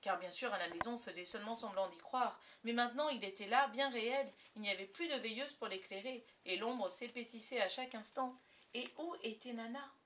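A woman narrating a children's storybook aloud, expressive and dropping softer for suspense. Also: fairly high pitch, brisk, slight background noise. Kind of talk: audiobook narration of a children's classic.

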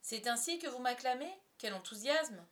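A woman reading aloud and voicing a proud, commanding young boy who is quick to anger. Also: a little high, lively intonation, a bit bright, pitched above the performer's own voice. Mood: boastful. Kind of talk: storybook character voice.

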